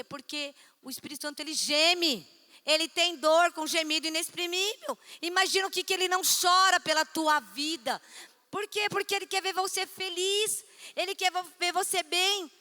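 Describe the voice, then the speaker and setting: Woman pastor giving a chatty sermon, high bright voice, big echoey church hall. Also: normal speed. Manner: chatty, storytelling, acts out dialogue. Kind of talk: conference sermon. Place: church conference stage.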